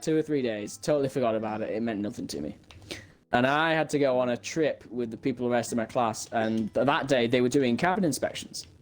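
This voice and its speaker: Young guy rambling thru a funny story, lots of stammering, faint music under it. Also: medium pitch. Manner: rambling, stammering with many restarts and mock-quoted dialogue. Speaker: podcast co-host. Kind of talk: casual comedic storytelling.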